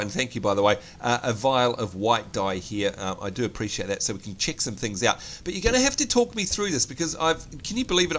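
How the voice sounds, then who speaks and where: A New Zealand-accented man with a cold offers chatty, self-deprecating let's play commentary on the game he's playing. His voice sits at medium pitch with a fairly bright tone, and there's slight background noise.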